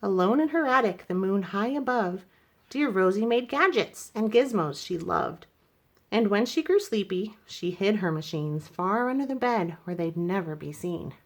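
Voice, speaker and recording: A woman reading a rhyming children's story aloud in an expressive narrating style. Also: mid-range voice, normal speed. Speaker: storybook reader.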